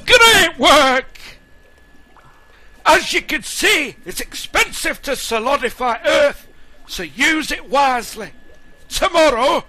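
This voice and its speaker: A loud dwarf taskmaster for a cartoon video game, pitched very high and piercingly bright. He bosses and scolds his diggers in slow, hectoring instructions that swoop up and down. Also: very animated, full character voice. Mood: hearty. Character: loud, bossy, ale-loving dwarf mine taskmaster. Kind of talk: cartoonish game tutorial acting.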